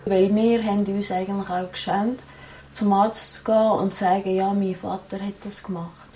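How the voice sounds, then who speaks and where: A woman recalling her childhood in a quiet personal testimony. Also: medium pitch, fairly even intonation, normal speed, a little hiss or hum. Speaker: interviewee, survivor of violence. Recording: distant mic, faint background.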